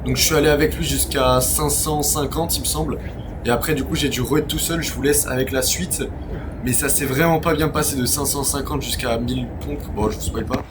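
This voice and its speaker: A man's voice: medium pitch, fairly even intonation, fairly quick. A young man who sounds tired, talking casually and in slang to his viewers as a challenge vlogger. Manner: slangy, colloquial. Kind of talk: casual vlog talk to viewers. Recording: noisy on-location vlog audio.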